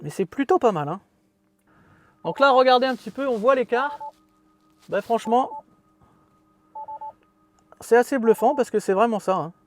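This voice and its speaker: High-voiced man chatting from his car. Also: animated, moderate pace, pauses often, faint music behind. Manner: chatty, joking, self-mocking asides. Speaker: car video host. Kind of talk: casual product walkthrough. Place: inside a parked car.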